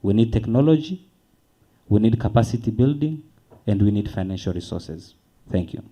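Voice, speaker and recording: Earnest man, very dark voice. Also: on the low side, animated, rough recording. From Tanzania. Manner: earnest, rhetorical questions, slow emphatic stress. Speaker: panelist. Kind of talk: conference panel remarks.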